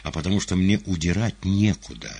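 A man puts on a jittery, soft-spoken male patient in an audiobook, fussy and easily alarmed. His husky voice, raised above the reader's own deep register, swings up and down, and often sinks to a pleading whisper. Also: very animated, a little fast, heavily acted. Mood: anxious. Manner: anxious, pleading, drops to a whisper. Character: nervous, gentle, fastidious male hospital patient.

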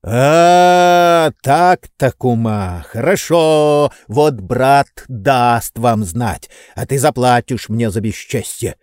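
A man voicing a loud, boorish male sponger in an audiobook, hurling abuse and indignant accusations. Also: mid-range voice, takes it slowly, no echo, clean studio sound, close to an everyday voice. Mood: bellowing abuse. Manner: bellowing, abusive, indignant. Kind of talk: audiobook character voice.

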